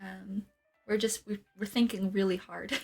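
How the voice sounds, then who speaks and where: A woman's voice: medium pitch, steady tone, measured pace, a little mellow, breathy edge, soft background music. A woman hosting a casual livestream in a jokey, giggly, mock-professional way. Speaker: livestream host. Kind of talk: casual comedic livestream chat.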